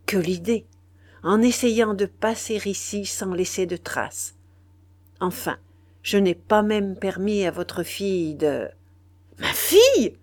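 A woman narrating a classic novel as an audiobook, in a measured, unhurried storytelling manner. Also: medium pitch, a little mellow, dry recording.

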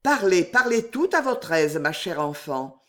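A woman voicing a calm, cunning middle-aged gentleman in an audiobook, speaking in a measured, unruffled way. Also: fairly low pitch. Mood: calm, sly. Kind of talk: audiobook character reading.

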